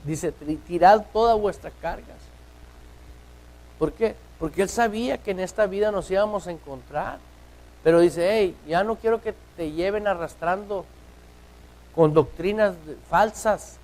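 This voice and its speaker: A man preaches a sermon in church. He keeps throwing rhetorical questions at his listeners. His delivery rises to loud, urgent stretches and then drops to hushed, slow lines. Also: high-pitched, rough recording. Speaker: pastor.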